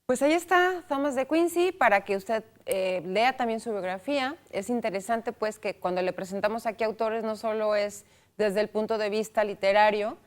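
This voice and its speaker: A woman's voice: mid-range voice, moderate pace. A chatty woman hosts a cultural radio talk show, trading remarks with her co-host. She reads listener calls and votes aloud in a friendly, conversational way, speaking into a studio microphone.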